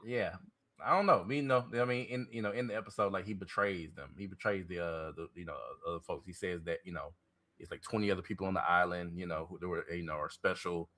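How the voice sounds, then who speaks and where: A man's voice: sits low, fairly even intonation, quick pace, a bit bright. A man co-hosting a podcast, chatting casually and animatedly, often repeating himself and laughing. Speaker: podcast co-host. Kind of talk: casual chat.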